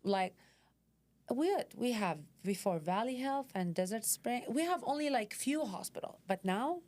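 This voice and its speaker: A woman's voice: on the high side, expressive, unhurried, darkish tone. A middle-aged woman from Dubai, a podcast guest in casual interview chat, who halts and restarts her sentences often and is not an English speaker. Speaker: podcast guest, concierge healthcare founder.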